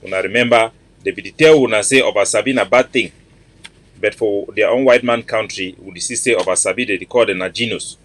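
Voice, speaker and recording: A man in his forties with a Cameroonian Pidgin English accent hosts a casual livestream from home, talking into a webcam in an earnest, repetitive, emphatic way and greeting viewers by name. His voice is on the low side and a bit bright, he speaks a little fast, and the recording is dry.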